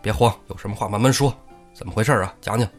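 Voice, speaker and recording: A shrewd, composed strategist, put on by a male storyteller. He pitches his voice a bit lower and speaks in calm, measured phrases. He soothes others rather than rushing. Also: soft background music, lightly acted.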